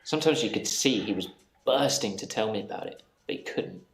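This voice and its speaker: An actor in a live-action mystery game playing a troubled male patient who calmly recounts reliving the same day. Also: mid-range voice, fairly quick, close to an everyday voice. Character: troubled male patient haunted by repeating days. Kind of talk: scripted game dialogue. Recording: roomy with game music.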